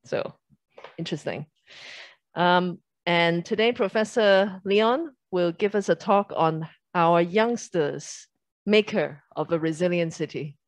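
A woman moderating an online lecture, introducing the speaker in a friendly, slightly halting way. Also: fairly low pitch, no room sound. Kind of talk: formal introduction.

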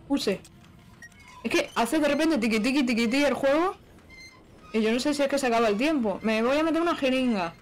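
A woman, giving excitable let's-play commentary on a horror game and chanting repeated words. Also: sits high, slight background noise. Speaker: gaming YouTuber.

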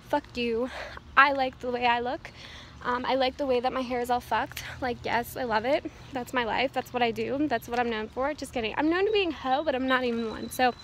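A woman's voice: sits high, fairly bright tone. A teenage girl rambling casually and profanely into her phone while walking down a town street, laughing at herself. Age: teens. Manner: rambling, profane, self-mocking, frequent laughs. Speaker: vlogger. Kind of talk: casual walk-and-talk vlog. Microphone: phone at arm's length while walking. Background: faint street noise and a weed whacker.

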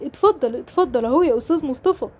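A woman's voice: high-pitched, expressive, rapid-fire, a little mellow. A woman with an Egyptian accent voicing a male hospital nurse who breaks sad news hesitantly, in a toy-game role-play drama. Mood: solemn. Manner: hesitant, solemn.

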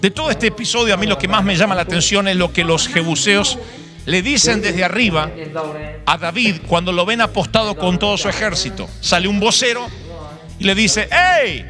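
A man's voice: sits high, brisk, music in the background. A man preaching a sermon, telling a Bible story in a fervent, emphatic way.

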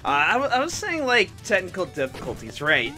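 A man hosts a let's play, chatting casually over the gameplay while rambling, stammering, and poking fun at himself. His voice is high with huge pitch swings, brisk, pushed, and bright, and soft music plays in the background.

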